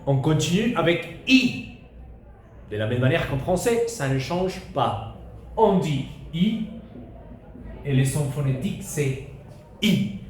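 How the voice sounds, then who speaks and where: A teacher, a man with a fairly high voice, leads a beginner lesson at an unhurried pace. He repeats each sound with care so pupils can follow. The recording is roomy, with a faint hiss behind it. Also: big pitch swings. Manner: slow, careful, repeats vowels for pupils to echo. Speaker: Spanish teacher. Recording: echoey room with faint hiss.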